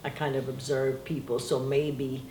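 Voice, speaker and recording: A middle-aged woman whose first language is Portuguese reminisces in a casual interview, rambling loosely and often breaking into laughter. Her bass voice is warm and level at a measured pace. The room is echoey and roomy, with a faint hiss behind her.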